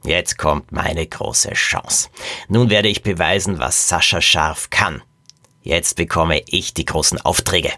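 A man voicing a scheming, gruff male animal trainer in a read-aloud children's mystery, growling low and slow. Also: expressive, fairly bright tone, no room sound. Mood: gloating menace.

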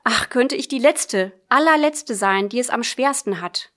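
A woman's voice: a little high, expressive, measured pace, a bit bright, voice pushed up. A woman reading as a tearful, pleading nun. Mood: yearning. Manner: tearful, imploring. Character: grief-stricken older nun pleading with priest. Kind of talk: audiobook reading.

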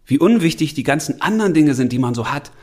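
Husky, lively motivational man. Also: a little high, quick pace. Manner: casual, slangy, direct address with laughs. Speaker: motivational speaker. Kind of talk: motivational monologue to the listener.

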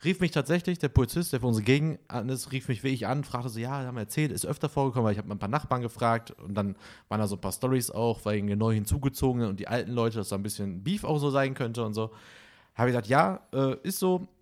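A man's voice: medium pitch, quick pace. A man in casual podcast chat, telling stories animatedly and acting out what people said. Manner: animated storytelling, acts out dialogue.

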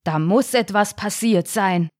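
A woman's voice: medium pitch, a little slow, darkish tone, no echo, studio quality, close to an everyday voice. Woman doing a proud, boastful father shark. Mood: proud musing. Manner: gruff, grumbling, self-assured.

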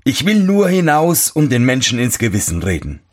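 Here a man raises his mid-range, husky voice to play a cranky old master shoemaker in a fairy tale. Taking his time, with big pitch swings, he indignantly scolds those around him and shouts his complaints.

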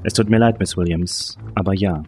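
A man's voice: sits low, a little mellow, slight background noise, close to an everyday voice. Man playing a formal female detective. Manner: formal, measured. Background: music.

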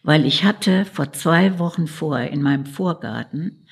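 A woman's voice: sits low, gravelly, breathy edge. A middle-aged woman, a shaman and psychotherapist, telling her story in an interview in an earnest, reflective way. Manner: earnest, slow and reflective, tags lines with "ne?".

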